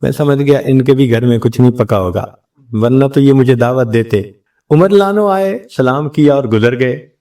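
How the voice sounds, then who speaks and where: A man's voice: mid-range voice, mellow, far from the mic. A male religious scholar giving a sermon, telling a story and acting out the quoted exchanges.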